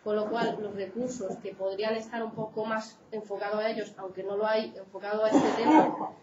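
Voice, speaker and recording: A Spanish woman psychologist gives an informal, conversational lecture, checking in with her audience in a Spain Spanish accent. She speaks briskly in a level tone at medium pitch, and the roomy, dull recording carries heavy background noise.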